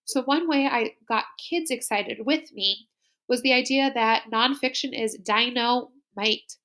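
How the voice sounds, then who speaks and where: A woman's voice: a little high, a little slow, bright, forceful tone. Upbeat woman narrating her slides. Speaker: school librarian.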